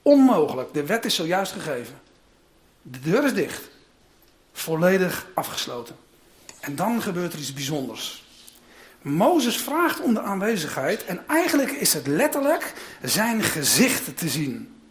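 Animated preacher with a lively voice. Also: medium pitch, measured pace. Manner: animated, dramatic storytelling with asides. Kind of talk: sermon.

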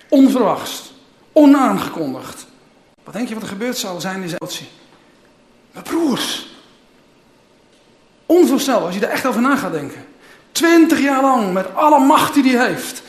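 A man preaching a sermon, retelling and reading a Bible story in a conversational way with small asides. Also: high voice. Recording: roomy echo.

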